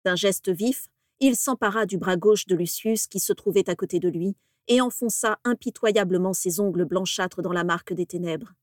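A woman narrating a story in a measured, steady audiobook reading. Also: medium pitch, no echo, studio quality.

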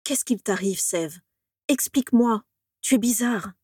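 A woman's voice: a little high, measured pace, darkish tone, breathy edge, no room sound, studio quality. A woman voicing an earnest young male wizard student who pleads and insists, conciliatory but exasperated. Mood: pleading.

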